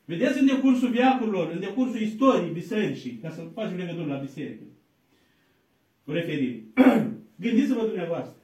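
A man, an Orthodox priest, preaching a sermon, moving from quiet asides to loud, emphatic exhortation and intoning scripture slowly, as if chanting. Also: high-pitched, expressive. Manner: slow, chant-like reading of scripture quotes. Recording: echoey room, distant mic.

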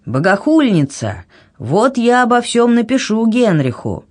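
A woman's voice: fairly low pitch, big pitch swings, unhurried, darkish tone, voice pushed up. Woman doing an irritable pompous king. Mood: angry. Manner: angry, offended exclamations. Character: irritable older male king, pompous and touchy.

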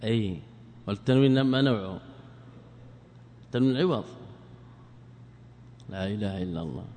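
A man teaching a grammar lesson, quizzing his students and repeating key words slowly. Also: on the low side, animated, darkish tone, a little hiss or hum. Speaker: Islamic scholar teaching a class. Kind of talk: classroom lesson with questions to students. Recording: long hall reverb.

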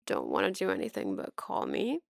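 A woman voicing a patient young male friend who teases gently and hums, in a storybook reading. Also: extremely low pitch, huge pitch swings, a little fast, creaky, no echo, studio quality, voice pushed down, heavily acted. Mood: teasing. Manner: gentle, teasing, humming.

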